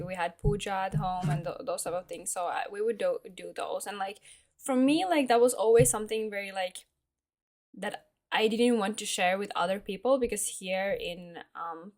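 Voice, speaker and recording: Hesitant young woman vlogging. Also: medium pitch. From Finland. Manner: hesitant, filler-heavy, searching for words. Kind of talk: casual personal monologue.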